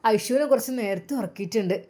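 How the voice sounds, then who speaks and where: A woman narrating a family story in an earnest, expressive way. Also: medium pitch, fast.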